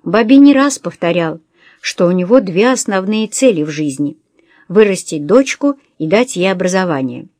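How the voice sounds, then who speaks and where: A woman narrating a novel as an audiobook in a calm, even storytelling manner. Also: fairly low pitch, normal speed, dry recording, clean studio sound. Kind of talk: scripted narration.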